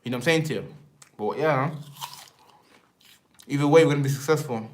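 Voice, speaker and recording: A young man from England hosts a casual live stream, rambling in slang and tacking on fillers like "man" and "and that." He speaks briskly in a medium-pitched voice that's a little mellow, with an English accent.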